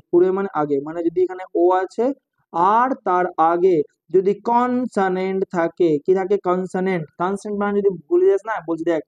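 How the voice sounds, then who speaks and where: Mellow-voiced teacher quizzing students. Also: medium pitch. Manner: repeats points as quiz questions to students; mixes English terms into Bengali explanation. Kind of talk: casual online grammar lesson. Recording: dull lo-fi recording.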